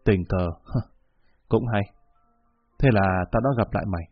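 A man voicing a menacing gang boss who talks in a gruff, commanding way, on a dull lo-fi recording. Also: fairly low pitch, unhurried, no room sound, faint music behind, voice pushed down. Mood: cold.

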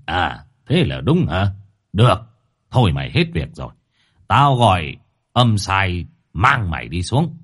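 A man doing a gruff scolding exorcist. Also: low voice, very animated, measured pace, a bit bright, full character voice. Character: gruff middle-aged male exorcist master, bossy.

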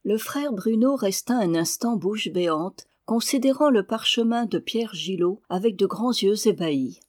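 A woman narrating a classic novel as an audiobook, in a calm, even manner. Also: medium pitch, unhurried. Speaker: audiobook reader. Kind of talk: literary narration.

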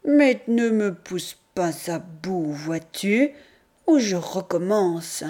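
A woman's voice: fairly low pitch, expressive, slow pace, warm tone. Woman voicing a defiant scolding country mother. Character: proud sharp-tongued rustic mother, middle-aged woman. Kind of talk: audiobook character reading.

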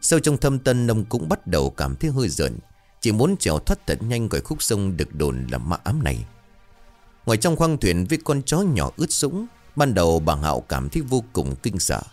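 A man's voice: lowish voice, huge pitch swings, moderate pace, a little mellow, faint music behind. A man telling a horror story in a suspenseful, dramatic narration.

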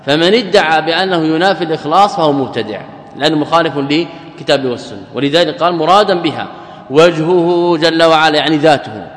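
A man's voice: on the high side, animated, fast, fairly bright tone. A man teaching as an Islamic scholar, quoting a passage, then glossing it step by step and asking and answering his own questions. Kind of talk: lecture. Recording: echoey hall recording.

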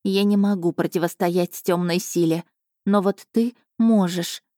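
An ancient female spirit of an island pleads in a slow, solemn audiobook voice, put on by a woman narrator. The tone is mellow and dark, recorded close and dry. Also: on the low side, steady tone, dry recording, close to an everyday voice. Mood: solemn earnest. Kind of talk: audiobook reading.

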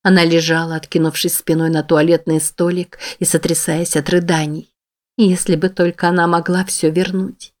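A woman narrating an audiobook in a steady, measured reading voice. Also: lowish voice. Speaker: audiobook reader. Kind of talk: scripted narration.

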